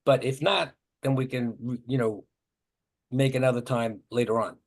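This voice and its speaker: A man's voice: medium pitch, fairly even intonation, normal speed. A man running a workshop on workplace communication, coaching participants in a conversational way and acting out short example exchanges. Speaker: workshop trainer. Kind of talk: leading a communication training session.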